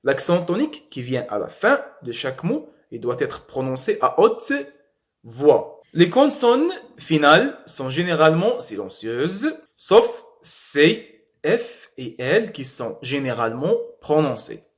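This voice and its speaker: A young Moroccan man leads a French lesson in a slow, deliberate way. His fairly high voice rises and falls a lot as he spells out letters and repeats words for practice. He drops into quick Arabic asides to explain. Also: big pitch swings. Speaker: French teacher.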